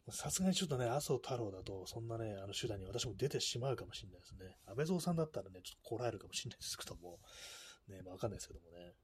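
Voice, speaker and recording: A man's voice: fairly low pitch, expressive, very fast. A man hosting a casual solo live stream, rambling and self-mocking, with many fillers. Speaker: live-stream radio host.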